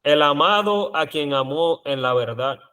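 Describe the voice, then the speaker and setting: A man in a Bible study reading scripture aloud in a measured way. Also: on the high side, lively intonation, sharp tone, clean tone.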